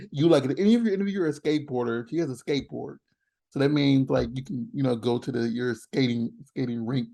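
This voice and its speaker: A man hosting a casual interview, talking excitedly with frequent restarts and laughter. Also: mid-range voice, vocal fry. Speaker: podcast host.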